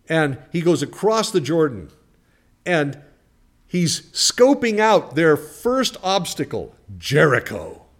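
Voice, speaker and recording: A male pastor delivering a sermon, moving between loud, emphatic preaching and quiet storytelling, with rhetorical questions and acted-out quotes. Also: a little high.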